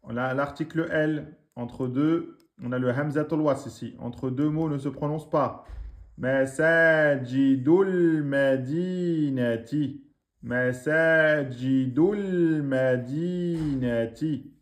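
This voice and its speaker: A man teaching a reading lesson, slowly drilling words syllable by syllable, with quick asides in between. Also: a little high, steady tone, a little mellow. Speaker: Arabic teacher.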